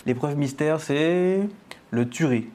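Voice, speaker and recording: A man's voice: a little high, takes it slowly, background noise. A man co-hosting a parody dating show, teasing his friends and announcing the rounds. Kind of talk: joking casual banter.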